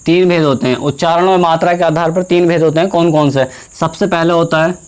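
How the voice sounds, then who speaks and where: A young male teacher giving a Hindi grammar lesson. He asks the class questions, answers them himself, repeats key terms and draws vowel sounds out slowly to demonstrate them. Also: on the high side, fairly even intonation, darkish tone.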